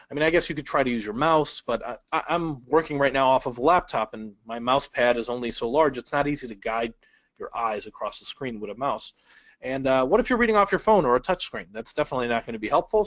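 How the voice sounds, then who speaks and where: A man teaching a speed reading webinar from a laptop, talking conversationally, asking the audience questions and changing his pace and loudness for emphasis. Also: mid-range voice, no room sound, poor audio. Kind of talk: webinar lesson. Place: indoors at a laptop.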